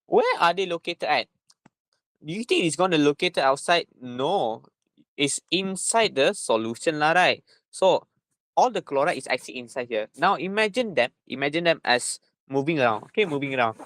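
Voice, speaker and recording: A man's voice: a little high, lively intonation, normal speed, a bit bright, no room sound. A man with a Malaysian accent giving an informal lesson as a tutor, repeating himself and often tagging phrases with little checking words. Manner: repetitive, punctuating with "right?" and "lah". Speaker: chemistry tutor.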